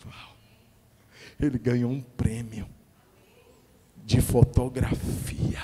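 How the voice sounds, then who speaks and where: A pastor preaches in a slightly high voice, taking his time over each phrase. He drives points home with rhetorical questions, dropping to a hush and then rising loud. His voice rings out with the long reverb of a church hall. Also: takes it slowly. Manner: emphatic preaching, rhetorical questions, swings between hushed and loud. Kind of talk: sermon.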